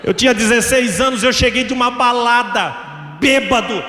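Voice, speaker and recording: A Brazilian man preaching with fervor, his voice pitched high and often rising to a shout. The sound rings out with the long reverb of a big church hall, bouncing back from the walls. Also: normal speed, slight background noise. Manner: impassioned preaching, bursts of shouting. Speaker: pastor. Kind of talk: sermon.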